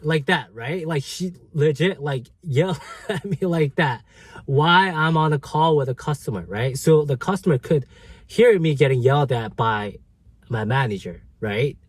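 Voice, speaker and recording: A man's voice: on the high side, moderate pace, slightly rough, dry recording. Rambling man telling a work story. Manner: rambling, many fillers and restarts. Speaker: vlogger. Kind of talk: casual storytelling vlog.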